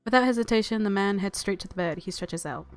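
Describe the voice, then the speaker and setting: A let's play YouTuber reads visual novel narration in a fast, mid-range voice while game music plays in the background. Her reactions are relaxed and playful, with plenty of giggly commentary.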